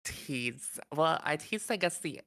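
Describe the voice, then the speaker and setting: A woman's voice: low-pitched, animated, slow pace, a bit bright, no room sound, studio quality. A young woman in casual chat, laid-back and trailing off mid-sentence.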